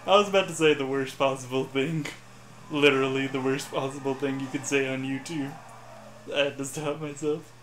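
A man's voice: medium pitch, steady tone, moderate pace, a bit bright, slight background noise. Self-mocking man, echoey room. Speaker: gameplay commentator. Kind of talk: casual gaming chat.

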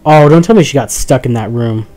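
A young man giving casual, chatty let's play commentary, joking with his viewers and reacting out loud as he plays. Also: mid-range voice, fairly quick, faint music behind. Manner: chatty, jokey, talks to the viewers, easily startled. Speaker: gaming commentator.

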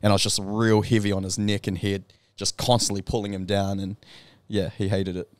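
A man co-hosting a podcast, telling a story in an animated, excitable way full of slang. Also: fairly low pitch, brisk, dry recording. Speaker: podcast co-host. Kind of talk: casual chat.

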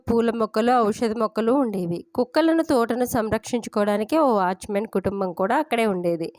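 A woman narrating a family story in the first person, with steady, unhurried storytelling. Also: fairly high pitch, dry recording, studio quality.

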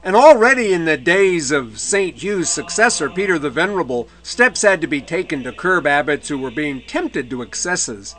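A man's voice: fairly high pitch, expressive, moderate pace, few pauses, fairly bright tone, soft background music. A man giving a recorded history lecture, explaining in a conversational way with dry asides and occasional mid-word self-corrections.

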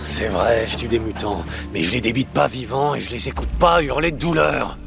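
A man playing a blunt, irritable drifter biker in a video game, gravelly and confrontational. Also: mid-range voice, moderate pace, over music, lightly acted. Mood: irritated. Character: gruff, irritable drifter biker who kills mutants.

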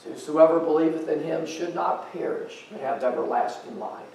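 A man's voice: a little high, normal speed, gravelly, a little mellow, distant mic, a little hiss or hum. A middle-aged American man preaching a sermon as pastor, in a conversational, folksy way with fillers. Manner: paces and gestures while preaching. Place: church sanctuary stage. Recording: very echoey church from afar.

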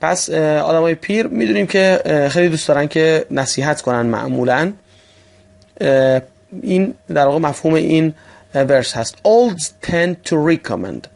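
A man teaching English vocabulary for an exam, often calling listeners friends and slowly repeating example phrases. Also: a little high, gravelly. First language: Persian. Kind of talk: vocabulary lesson for exam prep.

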